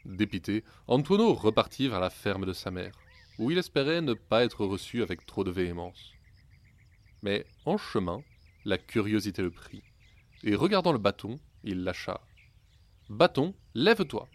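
Low-voiced man telling a wry fairy tale. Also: sing-song, moderate pace, no room sound. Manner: wry, ironic storytelling. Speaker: storyteller. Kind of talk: scripted fairy-tale narration.

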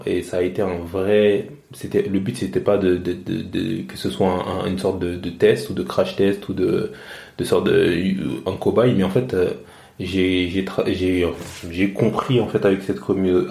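Deep mellow french guy in his 30s, interview guest, stops and restarts a lot, echoey room. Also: little pitch movement, gravelly. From France. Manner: halting, many restarts and repeated words. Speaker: interview guest, media founder. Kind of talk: casual interview talk. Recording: roomy echo.

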